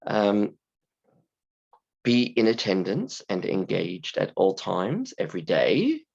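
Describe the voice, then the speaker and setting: Male lesson presenter, lowish and animated, hoarse with creaky starts, deliberate wording for learners, slightly dull recording. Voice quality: croaky, creaky voice. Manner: simple, deliberate phrasing for learners, emphatic. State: hoarse, croaky from a sore throat. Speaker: university English teacher. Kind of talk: scripted-slide lesson explanation.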